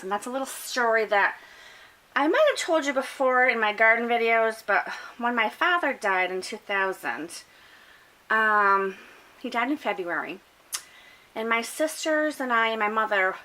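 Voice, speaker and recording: A middle-aged woman with a bright, fairly high voice talks her way along her home bookshelves. She chats casually, fills gaps with "um" and "you know", and corrects herself as she goes. She is recording on a handheld camera indoors. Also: expressive, normal speed, poor audio. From upstate New York. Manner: chatty, with fillers and self-corrections, laughs often. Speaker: booktuber giving a bookshelf tour. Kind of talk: casual chatty vlog narration. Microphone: handheld camera while filming shelves.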